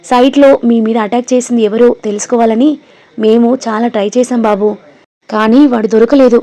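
A woman's voice: on the high side, fairly even intonation, brisk, dark tone, lightly acted. A woman voicing a loyal, deferential working man in a storybook reading. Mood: devoted.

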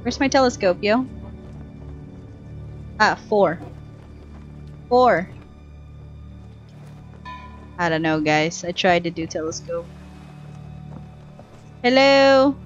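A woman's voice: fairly low pitch, fairly even intonation, a little slow, long pauses, dull audio. A young woman giving casual live gameplay commentary on a headset mic, chatty and thinking aloud in short bursts. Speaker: game streamer. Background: faint game music.

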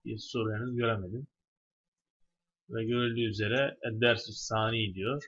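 A man's voice: on the low side, steady tone, moderate pace, a bit bright, slightly rough, muffled recording. A man teaching an Arabic lesson, reading a story phrase by phrase and translating each piece for his students. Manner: reads a phrase in Arabic, then translates it word by word; explanatory, addresses students directly. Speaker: religious high school Arabic teacher.

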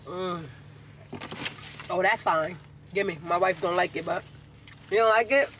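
Guy vlogging in the car, high voice, chatty n lively, car noise going. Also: unhurried. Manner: animated, chatty, keeps addressing viewers. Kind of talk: casual chat to camera. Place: inside a car.

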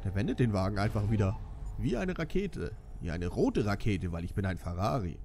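A man's voice: fairly low pitch, sing-song, a little fast, warm tone, slight background noise. A young man giving joking, self-mocking commentary while playing a racing game. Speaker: let's play commentator. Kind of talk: casual gameplay commentary. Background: game music and car sounds.

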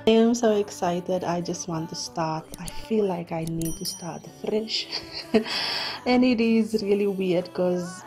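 A woman in her thirties talking through her day as a vlogger in a relaxed, thoughtful way, with lots of fillers. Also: fairly low pitch, slow pace, faint music behind. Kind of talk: casual voice-over narration.

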